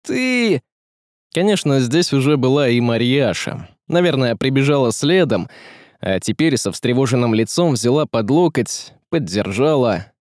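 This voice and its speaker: A man's voice: medium pitch, animated, normal speed, a little mellow, no echo, studio quality. A man narrating a story as an audiobook reader, telling it expressively and voicing each character. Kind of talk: scripted narration.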